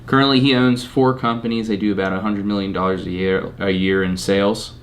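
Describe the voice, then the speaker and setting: Low-voiced hesitant podcast co-host, man. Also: steady tone, fairly quick, slight background noise. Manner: hesitant, filler-heavy recounting. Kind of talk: casual podcast chat.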